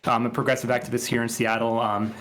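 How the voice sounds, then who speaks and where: A man's voice: mid-range voice, level tone, fast, a bit bright, slight background noise. A man introducing himself as a progressive activist on a stream panel, casual and rambling.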